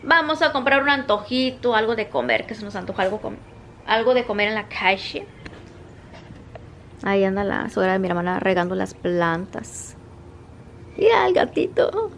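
A woman's voice: mid-range voice, expressive, moderate pace, pauses often, a little hiss or hum, low-quality recording. A Mexican woman chatting casually in a vlog, talking to her dogs in squealy baby talk, filmed on a handheld phone in a car and a sunny yard. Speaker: vlogger.

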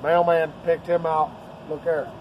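Man in his thirties, casual host, slightly high voice, outdoor camera, faint street noise. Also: flat delivery, unhurried. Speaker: challenge host. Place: outdoors beside a sided house. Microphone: camera a few steps away.

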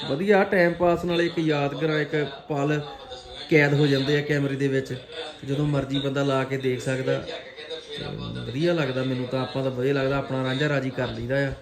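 A man with a Punjabi accent, hosting a casual family vlog and teasing his relatives. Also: medium pitch. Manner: teasing, playful. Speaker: vlogger.

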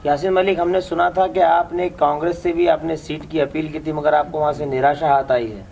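A local reporter interviewing a candidate, asking questions in a halting way as he searches for words. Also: a little high, fairly even intonation, vocal fry, a little mellow, slight background noise.

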